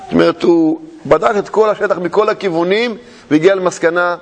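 High-voiced man preaching in a hall. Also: vocal fry. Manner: animated storytelling with rhetorical questions and humor. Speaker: religious teacher. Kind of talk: lively sermon. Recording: long hall reverb.

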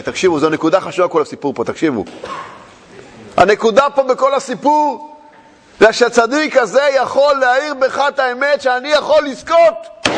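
A man giving a lively sermon to a group as a religious teacher, telling stories with rhetorical questions and touches of humor. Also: very high-pitched, a little hiss or hum. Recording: long hall reverb.

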